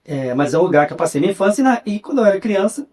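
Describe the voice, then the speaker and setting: A young adult man with a Rio de Janeiro accent and a slightly high voice. He talks as a podcast guest in a relaxed, storytelling way, often tacking on a questioning little tag to his phrases. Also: racing. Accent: Carioca (Rio de Janeiro) Portuguese. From Rio de Janeiro, Brazil. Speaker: guest, journalist and writer. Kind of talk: casual interview chat.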